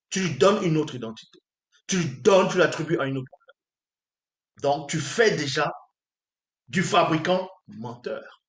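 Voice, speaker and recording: A man's voice: fairly high pitch, roomy sound. A man giving an emphatic spiritual teaching, often pressing his listeners with rhetorical questions. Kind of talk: preaching lecture.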